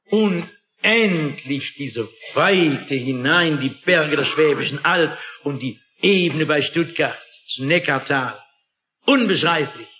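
A man preaches a sermon emphatically and dramatically, often asking his listeners rhetorical questions. His voice is a little high with a sharp tone. The recording is echoey, dull, and lo-fi.

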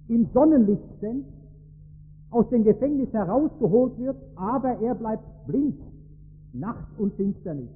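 A man with a high, breathy voice delivers a sermon, leaning hard into key words and carrying the listeners through a story. His voice rings out in a long hall reverb, and the recording is thin and phone-like. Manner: emphatic, storytelling preacher. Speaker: preacher.

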